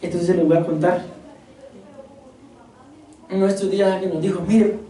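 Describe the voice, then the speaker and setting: A woman delivers a sermon in a mellow, warm voice, throwing rhetorical questions at the congregation. She stands away from the mic, and the recording carries the long echo of a church hall. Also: on the low side. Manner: animated, addresses congregation as beloved brothers, quick rhetorical questions. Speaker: preacher. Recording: echoey hall, voice from far off.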